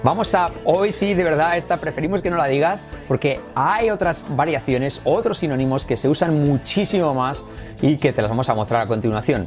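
A man from Spain with a Spanish accent, hosting a casual English lesson and repeating English phrases slowly to model their pronunciation. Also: a little high. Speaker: English teacher and channel host.

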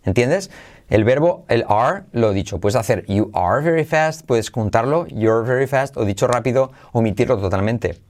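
A man's voice: medium pitch, expressive, moderate pace, darkish tone. Guy teaching english phrases, upbeat, repeats every line a bunch. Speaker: English teacher, channel host. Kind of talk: podcast lesson in Spanish.

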